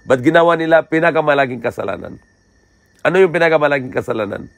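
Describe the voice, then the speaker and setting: A man's voice: on the high side, lively intonation, fast. A man giving a religious lecture in simple, broken phrasing, asking rhetorical questions and checking in with "di ba?". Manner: rhetorical questions answered himself.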